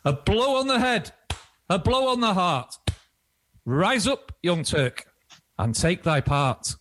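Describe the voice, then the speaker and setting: A man's voice: sits high, sing-song, slow, fairly bright tone, a little hiss or hum, exaggerated voice. A man playing a boastful quack doctor, declaiming showy patter in a comic folk play. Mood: boastful, cheerful.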